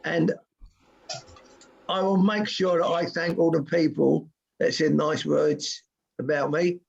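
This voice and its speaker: An older man with a hoarse voice that is giving out, chatting casually as a guest. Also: on the high side, steady tone, slow pace. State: hoarse, losing his voice. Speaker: guest, football goalkeeping coach. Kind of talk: casual chat. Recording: dull, muffled call audio.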